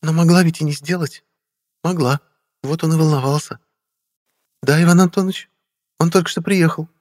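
A man voicing an affectionate young wife in an audiobook, eager and hushed, pitched far above his own voice. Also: steady tone, normal speed, close to an everyday voice. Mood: eager, doting.

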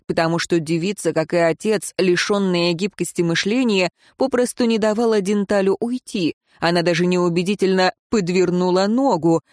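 A man's voice: high-pitched, darkish tone, no echo, studio quality. Man narrating an audiobook. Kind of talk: scripted narration.

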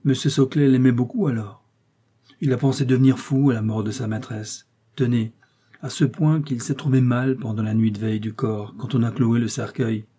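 A naive, loyal working-class fellow, read by a man chatters eagerly and takes fright easily. The voice is husky and warm, and the part is told as an audiobook. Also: medium pitch, fairly even intonation, moderate pace, close to an everyday voice. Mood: chattering. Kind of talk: audiobook character reading.

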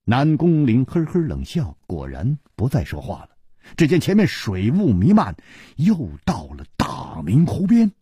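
A man reading a long martial-arts novel as a radio storyteller, narrating in a lively, dramatic way. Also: medium pitch, unhurried, breathy edge, dry recording, studio quality.

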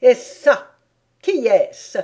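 A woman reading a storybook aloud and voicing a furious, imperious queen with shrill shouted commands. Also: very animated, very slow, full character voice. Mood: furious commanding.

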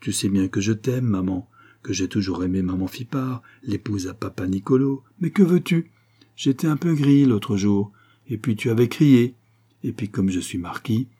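A sly young swindler coaxes in a honeyed, wheedling murmur, dark-toned and husky, as a man reading the book puts him on. The voice stays low and close, sweet on the surface. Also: animated, a little slow. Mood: coaxing. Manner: wheedling, mock-humble.

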